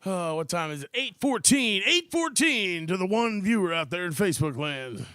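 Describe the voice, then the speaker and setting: A man co-hosting a rowdy radio chat, cracking jokes and swearing. His voice is high and bright with a sharp edge, and it is recorded dry and close. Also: sing-song, normal speed, clear, resonant tone, no room sound. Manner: joking, laughs often, swears. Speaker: radio show co-host. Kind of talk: casual chat.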